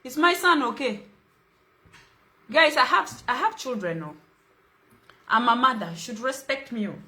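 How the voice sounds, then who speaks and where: Hosting a relaxed livestream, a young woman from Uganda teases her viewers playfully and laughs a lot, her Ugandan accent clear. She speaks at a moderate pace in a high, animated voice that sounds pushed and bright.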